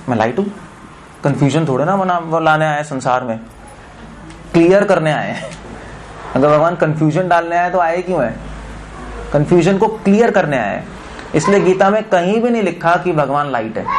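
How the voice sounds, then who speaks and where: A man's voice: fairly high pitch, slight background noise, poor audio. A man preaching a spiritual discourse, explaining scripture verses, chanting Sanskrit lines and putting questions to his audience, with English words mixed into his Hindi.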